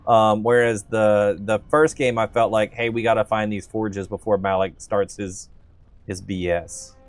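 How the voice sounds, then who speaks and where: This Southern US streamer, whose accent is neutral, speaks on the low side with little pitch movement and an unhurried pace, in a dry recording. He rambles casually about the game he's playing, leaning on lots of fillers, while faint game music plays.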